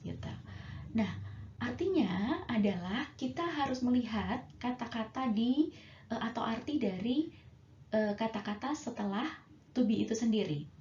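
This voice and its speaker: A woman teaching English grammar in a patient, slow way, stretching out each example sentence. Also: fairly high pitch, animated, a little mellow. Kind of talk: bilingual grammar lesson. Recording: roomy, dull lo-fi sound with faint noise.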